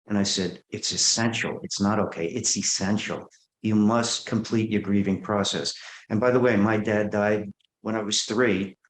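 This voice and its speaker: A man's voice: on the low side, echoey room, rough recording. A man who works as a therapist, telling earnest stories about clients in an interview and acting out their dialogue. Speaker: guest therapist. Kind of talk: interview storytelling.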